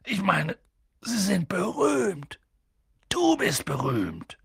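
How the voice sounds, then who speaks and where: A man reading an audiobook and voicing a huge, hot-tempered but kind male giant who swings between hushed whispers and booming shouts. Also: huge pitch swings, slow pace, gravelly, breathy edge, no echo, clean studio sound, full character voice. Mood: earnest.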